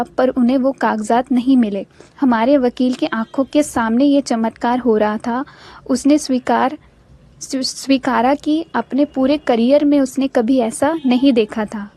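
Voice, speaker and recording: A woman reading a devotee's first-person testimony aloud in a steady, reverent way, with small restarts now and then. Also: sits high. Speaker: devotional channel narrator.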